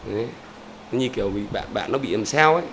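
A man's voice: on the low side, animated, fast talker, fairly bright tone, slight background noise. A man chatting casually to his viewers outdoors by bird cages, repeating little "there" words as he points things out. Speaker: bird-keeping vlogger. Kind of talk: casual talk to camera viewers.

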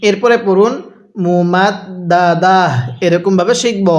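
A man with a Bangladeshi Bengali accent teaching Quran reading, spelling out letters and vowels one by one and drawing out the recitation slowly and patiently. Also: high voice, steady tone.

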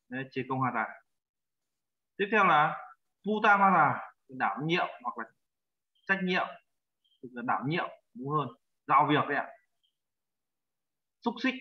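A man teaching a language class, patiently repeating vocabulary words slowly for his students. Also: a little high, muffled recording. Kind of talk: language lesson.

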